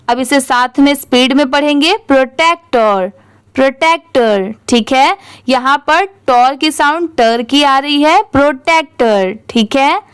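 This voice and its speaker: A woman's voice: high voice, no room sound. A woman teaching English reading, who spells each word out letter by letter and then blends it into the whole word. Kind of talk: slow spelled-out reading lesson.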